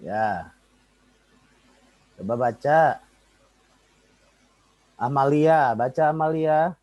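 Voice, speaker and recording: A man's voice: mid-range voice, lively intonation, drawn-out words, a little mellow, no echo, lo-fi sound. A man, a lecturer teaching an online class and calling on students by name.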